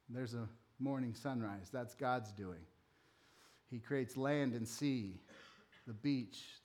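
A male pastor preaching a sermon in a church, talking casually and then building higher and louder when stirred, and slowing right down to read scripture. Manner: reads scripture slowly and deliberately.

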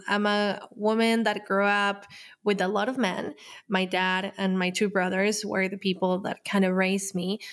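A woman in her thirties from Colombia, hosting a podcast and telling her personal story in an unhurried, reflective way with light laughs between phrases. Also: medium pitch, a bit bright. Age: 30s. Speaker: podcast host.

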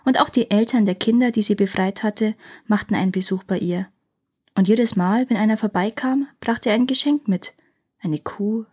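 Husky woman reading a fairy tale. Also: medium pitch, warm tone. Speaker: storyteller, podcast host.

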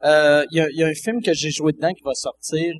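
A man's voice: fairly high pitch, fairly even intonation, quick pace, slight background noise. A Québécois French man chatting casually on a podcast, often hesitating with fillers. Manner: hesitant, filler-heavy talk. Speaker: podcast host.

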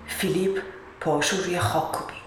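A woman storyteller reads a children's tale with calm, measured pacing. Her voice sits lowish, and the recording is roomy with steady noise behind it. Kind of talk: scripted storybook narration. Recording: roomy echo with background noise.

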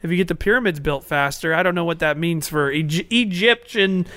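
Man, high-pitched, playful, inquisitive, improvised comedy interview host. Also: brisk, fairly bright tone.

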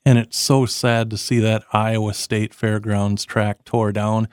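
A man's voice: fairly low pitch, flat delivery, measured pace, clean tone, no echo. A man hosting a radio show, introducing guests and interviewing them.

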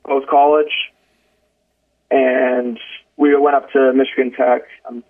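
A young man in his twenties, a college hockey player, telling a story as a podcast guest in a relaxed way with many ums. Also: medium pitch, slow pace. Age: 20s. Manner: relaxed, frequent "um" and restarts. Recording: phone-like narrow band.

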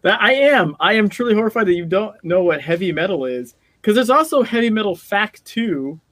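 Middle-aged man, casual podcast co-host, rambling and chuckly, slightly high pitch, dry close sound. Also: dry recording. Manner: rambling, self-interrupting, laughs often. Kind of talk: casual chat.

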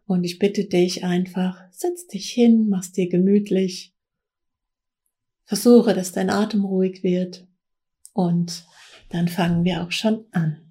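A woman leading a guided meditation as a spiritual coach, gently instructing in a soothing, unhurried way with pauses. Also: medium pitch, slightly rough.

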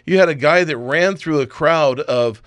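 A man's voice: on the high side, moderate pace, a bit bright, no echo. A man hosting a talk radio show, ranting emphatically and firing off rhetorical questions. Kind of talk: opinionated talk radio chat.

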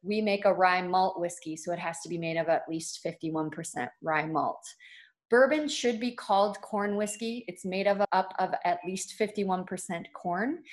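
A woman's voice: fairly low pitch, normal speed. A woman who is a distillery owner, a guest on an interview show, explaining things in an upbeat, plain way. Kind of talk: casual interview chat.

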